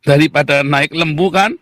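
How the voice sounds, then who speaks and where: A man argues to his viewers in a sarcastic, theatrical monologue. His voice sits high, and he keeps turning back to the listeners to press his point. The sound is dry and close, with no room echo. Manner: mocking, theatrical, repeatedly addresses listeners as "saudara"; jumps into high shouted voices when mimicking critics. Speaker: religious debater addressing viewers. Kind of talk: polemic monologue to an audience.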